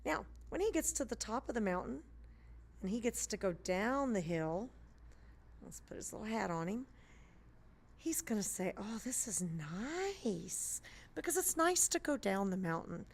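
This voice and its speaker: A woman's voice: mid-range voice, sing-song, normal speed. A woman math teacher narrating a screencast lesson, explaining step by step in a patient way with playful memory tricks.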